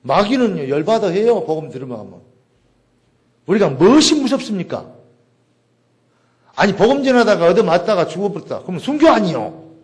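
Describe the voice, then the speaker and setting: A man preaching a sermon in a chatty, animated way, acting out little exchanges with people. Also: sits high, brisk, pauses often. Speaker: pastor.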